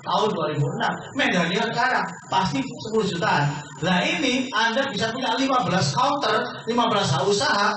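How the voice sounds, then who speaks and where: A man giving a persuasive business sales pitch to a seminar audience, asking questions and answering them himself. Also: a little fast, pushed and bright. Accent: Indonesian. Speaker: business presenter. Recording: echoey room from far off, faint noise.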